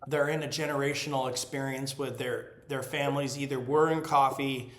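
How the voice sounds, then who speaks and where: A man co-hosting an interview, asking questions in a halting way, often repeating words as he thinks. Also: mid-range voice, steady tone, a bit bright. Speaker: co-host interviewer. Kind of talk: interview conversation. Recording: roomy echoey sound.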